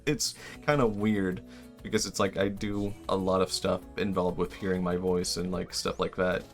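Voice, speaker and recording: A young Swede, speaking Swedish natively, chats casually while live-streaming a game, rambling and laughing at himself. His voice is on the low side with a fairly bright tone.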